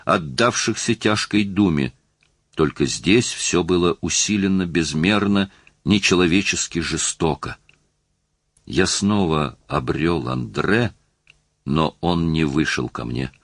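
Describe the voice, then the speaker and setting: A man's voice: low voice, fairly bright tone, no echo, studio quality. A man narrating an audiobook in a dramatic, emotionally charged reading style.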